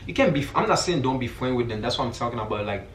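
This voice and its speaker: A young Haitian vlogger talks earnestly yet casually to his viewers in slangy speech, repeating fillers like "you feel me." His medium-pitched voice is expressive and fast, picked up by a distant mic in a roomy, echoey space with faint noise.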